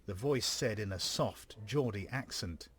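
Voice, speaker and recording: A man co-hosting a podcast, giving scripted true-crime narration in a measured storytelling delivery. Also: fairly low pitch, animated, background noise.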